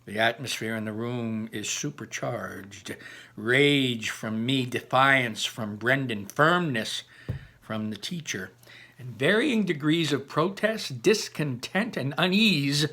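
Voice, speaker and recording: Reading a children's novel aloud the way a teacher would, a man with a mid-range voice adds animated, dramatic emphasis and stops for explanatory asides to his listeners.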